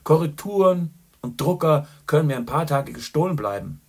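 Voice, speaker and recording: A man voicing a boisterous, worldly middle-aged journalist who talks loudly and boastfully. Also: a little high, animated, normal speed, vocal fry, husky, voice pushed up, exaggerated voice. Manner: loud, hearty and boastful.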